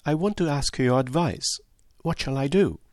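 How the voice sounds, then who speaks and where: A man's voice: a little high, normal speed, a little mellow, dry recording, clean studio sound, voice pushed up, close to an everyday voice. A male narrator voicing a kind, candid young English woman who talks in an earnest, confiding, slightly plaintive way. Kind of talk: audiobook character voice.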